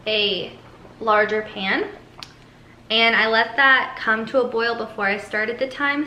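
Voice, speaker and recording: Woman, cooking vlogger, casual chatty talk, fillers, bright voice, roomy kitchen echo. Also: fairly high pitch, a little hiss or hum. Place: home kitchen.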